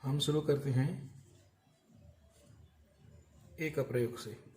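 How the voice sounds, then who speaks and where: A man's voice: medium pitch, fairly even intonation, slow, dark tone, a little hiss or hum. A man teaching an English grammar lesson, explaining step by step and asking and answering his own questions.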